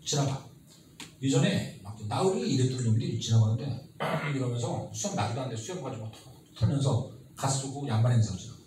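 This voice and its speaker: Animated male lecturer in an echoey room. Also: mid-range voice, a little fast. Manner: animated, acts out quoted characters, asks students constant questions. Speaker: history lecturer. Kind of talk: lively classroom lecture. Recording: very echoey room, mic at a distance, faint noise.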